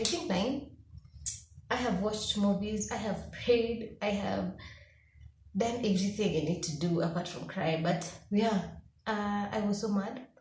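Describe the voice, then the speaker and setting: Young Kenyan woman vlogger, mellow tone, roomy echo, animated candid storytelling. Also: medium pitch, slight background noise. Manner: animated storytelling, acting out her own past thoughts. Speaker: law student vlogger. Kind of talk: candid personal vlog. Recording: echoey room.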